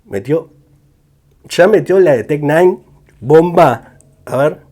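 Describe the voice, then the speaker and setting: A man with an Argentine accent giving music reaction commentary, excitable and repeating words in quick bursts. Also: a little high, slight background noise. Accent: Argentine Spanish.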